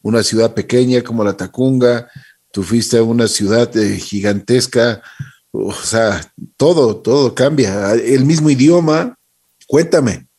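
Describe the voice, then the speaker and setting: Interviewer, man, husky, asks prompting questions. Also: mid-range voice, measured pace, a little mellow. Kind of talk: casual interview.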